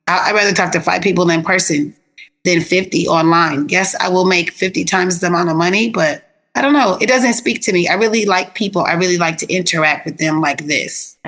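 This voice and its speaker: A woman therapist telling stories in a casual interview, animated and plain-spoken with easy slang. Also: fairly low pitch, brisk. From South Florida.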